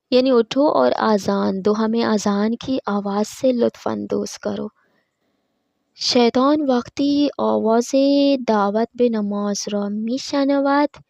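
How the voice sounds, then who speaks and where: Creaky-voiced woman teaching Farsi. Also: a little high, darkish tone, no room sound, lo-fi sound. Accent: Pakistani Urdu. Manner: slow deliberate reading of Farsi lines, brisker chatty explanations. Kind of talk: reading Farsi text aloud and explaining in Urdu.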